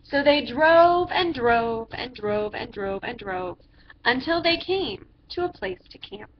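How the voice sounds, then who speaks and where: High-voiced woman reading a children's story. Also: expressive. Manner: theatrical, drawn-out phrases with emphatic character voices. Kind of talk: animated picture-book read-aloud. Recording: dull lo-fi sound with background noise.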